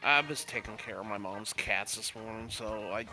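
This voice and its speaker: A man's voice: lowish voice, moderate pace. Stuffy, sick male guest on voice chat, hesitant, music playing behind. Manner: hesitant, trailing off, many fillers. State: stuffy-nosed from a cold. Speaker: guest gamer. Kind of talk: casual voice-chat conversation. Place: home, on voice chat.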